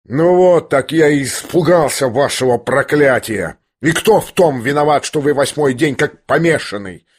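A man's voice: medium pitch, expressive, moderate pace, slightly rough. A man voicing a bitter, angry grown son who answers curtly and cuttingly. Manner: biting, curt.

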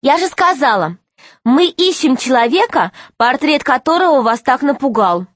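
A woman's voice: high-pitched, expressive, normal speed, no echo, voice pushed up. A woman voicing a polite, curious young girl who asks questions earnestly.

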